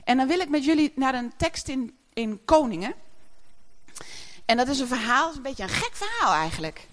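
A woman's voice: high voice, very animated, normal speed, a bit bright. A woman preaching a sermon in a chatty way, often laughing as she speaks to the congregation.

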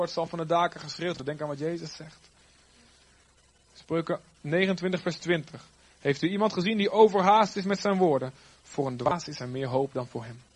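A man preaching a sermon, swinging from loud, emphatic lines to quiet, trailing ends. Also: on the high side, slightly rough.

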